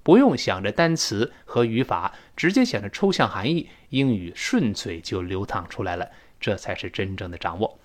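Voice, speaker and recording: A man teaching spoken English in Chinese, explaining pronunciation and acting out sounds and sighs. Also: on the low side. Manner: lively, demonstrates pronunciation with drawn-out sounds. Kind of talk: spoken English lesson podcast.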